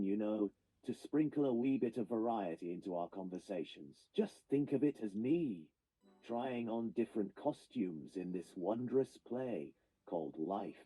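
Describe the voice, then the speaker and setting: A man's synthetic voice playing a gentle, whimsical ghost-cat AI toy with an English accent, speaking in flowery, poetic lines. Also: fairly low pitch, breathy edge, low-quality recording. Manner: flowery, poetic, reads out its own actions.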